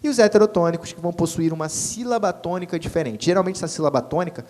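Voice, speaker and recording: A man's voice: high-pitched, fast, a little mellow, big-room sound. A man with a Brazilian Portuguese accent teaching a Spanish class, casual and checking in with students often. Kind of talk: recorded online class.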